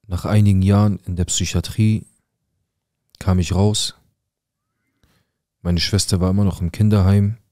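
A man's voice: low voice, little pitch movement, a little slow, long pauses, warm tone, no echo, clean studio sound. A young adult man telling his own painful life story in an intense, blunt, emotional way. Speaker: storyteller sharing a personal story. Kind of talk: personal storytelling.

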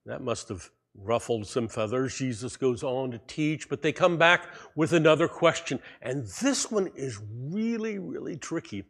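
A man preaching a sermon, telling a story in a lively way and speaking directly to his congregation. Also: mid-range voice, unhurried, few pauses. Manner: animated storytelling, addresses the congregation. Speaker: pastor.

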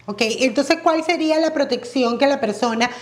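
A woman hosting a conversational interview, asking measured questions with occasional hesitation fillers. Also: sits high. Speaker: interview host. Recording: roomy sound with faint music.

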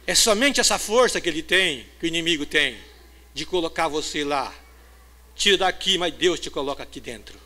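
An older Brazilian man, a pastor preaching a sermon in a church, moving between hushed storytelling and loud, emphatic preaching. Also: fairly high pitch, animated, moderate pace, soft background music. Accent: Brazilian Portuguese.

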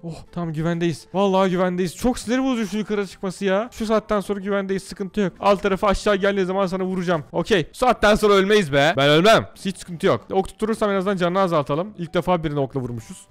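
Excitable fast-talking man gaming commentary. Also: high-pitched, smooth, soft background music. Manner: excitable, talks to himself and the game. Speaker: gaming YouTuber. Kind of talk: live gameplay commentary.

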